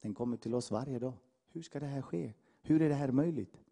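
Impassioned preacher man with a dark voice. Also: medium pitch, vocal fry. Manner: impassioned, swings from loud exhortation to hushed asides. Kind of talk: sermon.

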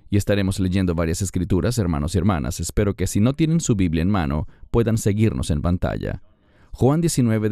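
Deep, lively earnest male host. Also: no room sound, clean studio sound. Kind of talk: Bible discussion.

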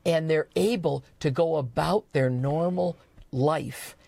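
Earnest lady talking mission work in an interview, gravelly creak, really dry close sound. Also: sits low, slow, warm tone, no echo. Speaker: charity leader, studio guest.

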